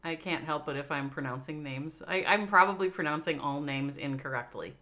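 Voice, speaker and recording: A woman's voice: low-pitched, fairly quick, pushed and bright. A woman with a Minnesota accent giving chatty, playful live commentary on a mobile strategy game match, reacting to chat and laughing along. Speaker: esports caster.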